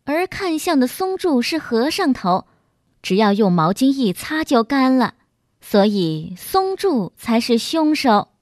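A woman narrating a short detective story in an expressive storytelling manner. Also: high voice, measured pace.

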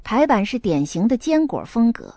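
A woman narrating a novel as a scripted audiobook, with lively storytelling and a light erhua. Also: a little high, moderate pace, no room sound, studio quality.

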